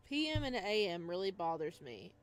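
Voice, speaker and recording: Reading a visual novel out loud on her gaming stream, this woman speaks at a medium pitch. She gives the text expressive narration, mixed with casual, playful side comments.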